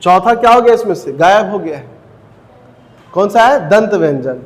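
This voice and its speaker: A man teaching a Hindi grammar class for exam preparation. He asks the class questions, answers them himself, repeats key terms and says each sound slowly. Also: sits high, animated, in a large hall.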